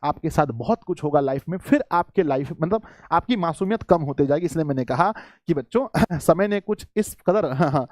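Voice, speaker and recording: Coaxing male teacher, fairly high voice. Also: darkish tone, no echo, clean studio sound. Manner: coaxing, repetitive, addresses students as children. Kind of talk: live online exam-prep class.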